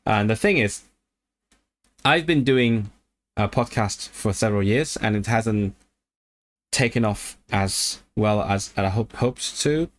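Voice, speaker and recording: A Hong Kong man, a language YouTuber, chats loosely with viewers on a livestream, answering their questions. His voice is a little low, and he rambles, correcting himself often and filling pauses as he goes.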